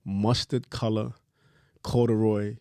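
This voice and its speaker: A man in his thirties from Trinidad, a fashion designer telling his story in a relaxed, candid, slangy podcast chat. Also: lowish voice, takes it slowly, clean tone, no echo, clean studio sound. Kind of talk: casual interview chat.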